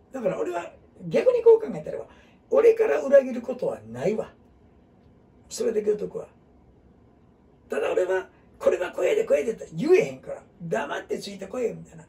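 A middle-aged man teaches a group in a casual, meandering way, speaking Kansai dialect packed with fillers and side comments. His voice is high and warm, and he is far from the mic.

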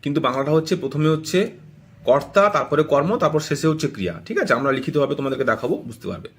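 A man's voice: on the high side, fast talker. A man teaching English grammar in a video lesson, often checking in with viewers and spelling words letter by letter. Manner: repeats "ঠিক আছে" and addresses viewers as friends.

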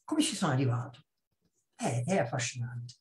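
A Neapolitan public speaking trainer in his fifties gives a lively, chatty webinar over video call, sharing personal stories. At medium pitch in a roomy-sounding space, he often checks in with a quick "ok?" and throws in blunt asides.

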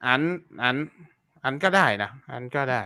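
Brief: man, live-stream teacher, bright forceful voice, chatty and repetitive with polite fillers. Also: medium pitch, expressive, normal speed, clear, resonant tone, dry recording. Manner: chatty, repeats words and fillers, polite particles. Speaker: online seller teaching keyword research. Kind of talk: casual live-stream lesson.

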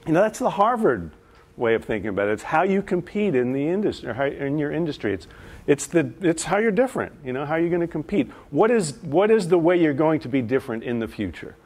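A man's voice: a little high, expressive, fairly quick, darkish tone. A man presenting to an audience of executives. He tells stories in a conversational way and asks the room questions. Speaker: presenter and facilitator. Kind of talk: live business presentation.

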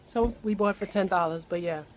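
A young man telling a family story in a casual vlog to his phone camera. He is animated, mimics the people he quotes and drops Spanish words into his talk. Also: high-pitched, quick pace, slight background noise.

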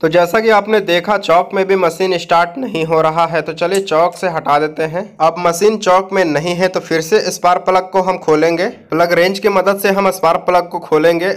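A man from India explaining a machine repair step by step, talking straight to viewers in a plain instructive way. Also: a little high. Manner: plain instructive talk, addresses viewers directly. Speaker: repair channel host.

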